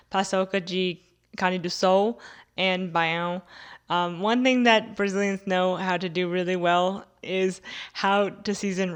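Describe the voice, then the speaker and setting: Her voice is mid-range, clear, and resonant as she talks informally with her audience. A young American creator, she responds to viewer questions and leans on filler words such as "like" and "you know."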